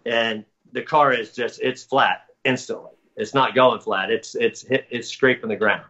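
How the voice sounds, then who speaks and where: Bright-voiced man telling a story. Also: mid-range voice, fairly even intonation, a little slow. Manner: rambling, self-correcting narration. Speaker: guest recounting experiences. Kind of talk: casual storytelling. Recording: dull lo-fi audio.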